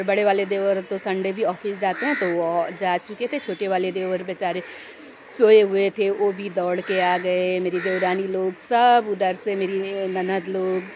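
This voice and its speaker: A young woman tells a personal story in a casual vlog, wandering and circling back over the same phrases. Her voice sits at an ordinary middle pitch. The recording is dull and lo-fi, with loud outdoor noise and crows calling behind her. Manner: rambling, repeats and restarts phrases; grows tense and breathless recalling a scare. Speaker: vlogger.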